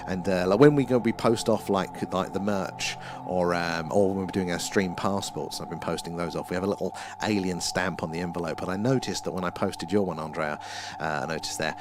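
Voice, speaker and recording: Essex-accented man with a low-pitched voice, chatting casually. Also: brisk, background noise. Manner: rambling, self-deprecating. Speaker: livestream host. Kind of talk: casual livestream chat, answering viewers' comments. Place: small room at home.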